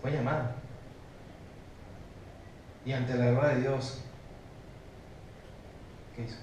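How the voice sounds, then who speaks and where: A man with a Mexican Spanish accent preaching a sermon as pastor, emphatic, moving between loud exhortation and low, hushed stress while questioning his congregation. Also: little pitch movement, takes it slowly, slight background noise. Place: church sanctuary. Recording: very echoey church recorded from a distance.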